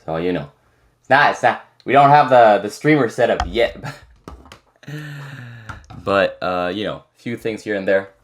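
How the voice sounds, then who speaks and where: Low-voiced young French man chatting. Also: unhurried, long pauses, slight background noise. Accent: American-leaning English with slight French. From France. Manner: rambling, many restarts and fillers. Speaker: content creator. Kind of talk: casual Q&A chat.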